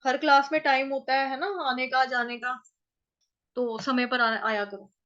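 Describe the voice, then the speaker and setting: A woman teaching Sanskrit verse chanting, repeating each syllable slowly and firmly correcting her class. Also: high voice, fairly even intonation, sharp tone, muffled recording. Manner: slow drawn-out repetition of verse syllables; scolding latecomers firmly.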